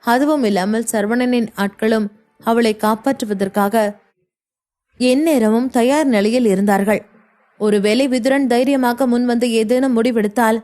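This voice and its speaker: A woman narrating a novel in a steady storytelling manner. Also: on the high side. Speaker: audiobook narrator. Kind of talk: scripted narration.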